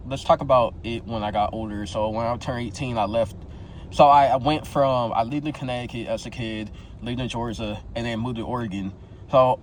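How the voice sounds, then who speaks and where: A vlogger in his twenties with a slight lisp talks casually to camera, sharing his experience in a slangy, candid way, tagging phrases with "bro" and "yo" and restarting often. His voice is lowish, and the poor audio carries a little hiss or hum.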